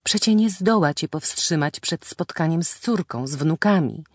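A woman narrator voicing a gentle, devoted young wife who speaks in soft, old-fashioned formal phrases. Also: deep voice, animated, moderate pace, no echo, studio quality, voice pushed up. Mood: pleading.

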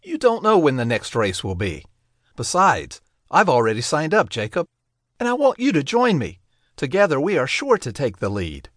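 A man voicing an eager, reckless young man, raising his voice high with excitement. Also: moderate pace, no room sound, studio quality, heavily acted.

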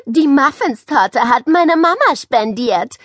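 A woman reading an audiobook voices a chatty, excitable schoolgirl who gushes over everything. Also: high voice, a little slow, dry recording, clean studio sound, pitched above the performer's own voice, full character voice. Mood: bubbly. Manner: gushing, excitable. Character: chatty schoolgirl, spoiled but friendly now.

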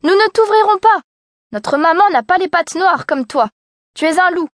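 A woman's voice: high-pitched, expressive, moderate pace, no room sound, pitched above the performer's own voice. Piping, childish little goat kids, as a woman reads them aloud in a storybook, their cries lifting well above a grown voice. The sound is dry and close. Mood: defiant. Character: small frightened young goat kids, childish and shrill. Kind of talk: storybook reading.

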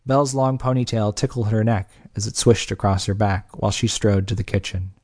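A man narrating an audiobook in a steady, measured reading. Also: fairly low pitch, no echo, studio quality.

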